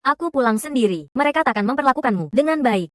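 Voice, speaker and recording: A gentle, long-suffering young woman in a dubbed drama who speaks softly and earnestly. Her voice sits a little high. The recording is dry and close. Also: expressive, fast talker, no echo. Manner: soft, earnest, pleading.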